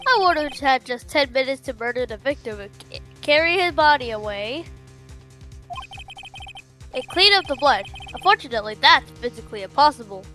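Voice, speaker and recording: A woman's voice: high-pitched, lively intonation, normal speed, bright, forceful tone, faint music behind. A woman giving an assertive amateur dramatic reading of video game dialogue.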